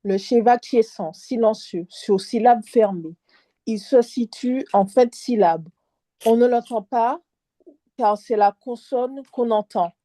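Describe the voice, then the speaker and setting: Mellow-voiced woman learning to read. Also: fairly high pitch, a little slow, no echo. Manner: candid, hesitant, takes notes. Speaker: student. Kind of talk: one-on-one lesson.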